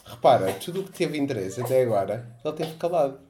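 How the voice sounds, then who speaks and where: Portuguese woman cohost, super low voice, dry opinionated quips, bit of faint hiss. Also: animated, quick pace. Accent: European Portuguese. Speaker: podcast co-host. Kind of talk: casual chat.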